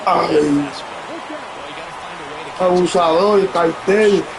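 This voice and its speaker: Brief: male streamer, high-pitched, unhurried between wild shouted outbursts, loud game crowd behind. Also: rough recording. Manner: excitable, bursts into shouts and exclamations; talks to his audience. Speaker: gaming streamer. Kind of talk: excited live gameplay commentary. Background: video game crowd sound.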